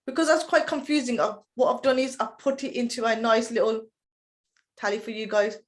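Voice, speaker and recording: Female trainer, slightly high voice, chatty explainer. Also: fairly even intonation, fairly quick. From United Kingdom. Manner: chatty, explanatory, checks in with "okay?". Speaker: intercultural trainer. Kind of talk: online training presentation.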